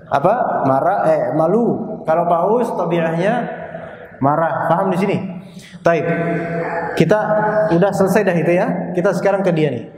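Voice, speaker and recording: A man with a fairly high voice teaches a religious class to a group and keeps asking them whether they follow. His voice echoes through a large hall with a long reverb. A faint background noise is heard under him. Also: a little mellow. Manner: asks the class constant rhetorical questions. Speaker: Islamic teacher. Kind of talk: classroom lecture.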